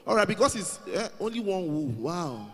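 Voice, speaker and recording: A man's voice: high voice, expressive, normal speed, a bit bright. A man hosting a live youth event in a large hall, coaxing and calling out to the crowd. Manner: coaxing, calls out to the crowd, repeats himself.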